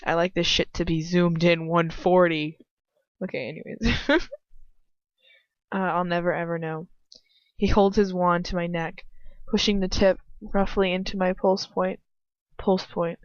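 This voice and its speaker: A woman with a lowish voice reads fan fiction at a measured pace, her intonation fairly even. Her delivery is casual and irreverent, with stumbles, giggles, and swearing chatty asides. It was recorded at home, lo-fi and muffled, with a roomy echo.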